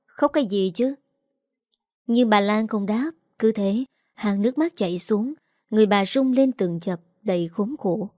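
Woman storyteller, steady reading, warm dark voice, dry close mic. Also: mid-range voice, dry recording. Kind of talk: scripted story narration.

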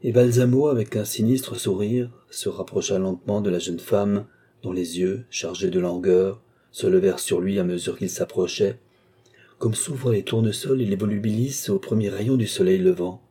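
A man narrating a classic novel as an audiobook, in measured, expressive storytelling. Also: fairly low pitch, breathy edge. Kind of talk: scripted literary narration.

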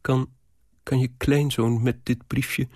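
A man reading aloud as a lovesick, anxious young woman, in a low, earnest, pleading tone. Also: level tone, takes it slowly, warm tone, no echo, clean studio sound. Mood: urgent.

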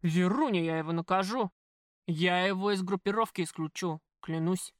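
A woman voicing a crude, jealous male mob boss who talks loudly and bossily in an audiobook. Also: lowish voice, normal speed, no room sound, studio quality, lightly acted. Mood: gruff. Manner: loud, coarse, bossy.

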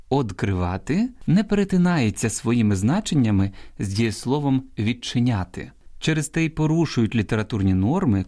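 A man presenting a radio language program in a measured, teaching way with a Ukrainian accent, reading out examples and explanations. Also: mid-range voice, a little mellow. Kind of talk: scripted language-program narration.

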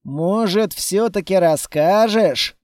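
A grumbling fighter who keeps whining and nagging, played by a man reading an audiobook. The voice is high for a man and soft and warm in tone. The recording is dry and close. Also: animated, slow pace, no echo. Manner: complaining, mumbling. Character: whiny, grumbling male fighter.

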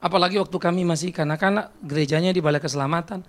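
A man preaching a sermon as a pastor, telling stories and personal confessions, swinging between loud exclamations and quiet reflective passages. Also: fairly high pitch, very fast.

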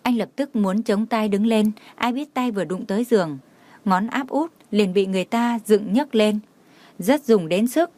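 A woman narrating an audio novel in a steady, even reading. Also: mid-range voice, moderate pace, no echo.

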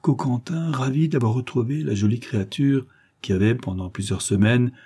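A man narrating a classic novel aloud in an expressive, theatrical storytelling manner. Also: medium pitch, moderate pace, slightly rough. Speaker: audiobook reader.

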